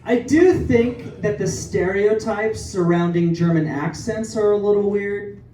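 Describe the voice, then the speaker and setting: A man's voice: high-pitched, measured pace, warm tone. Young male stand-up, self-deprecating and rambling; room echo and a far mic. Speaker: stand-up comedian. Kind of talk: stand-up comedy set. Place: comedy club stage. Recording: echoey club from far off, with crowd. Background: audience laughter.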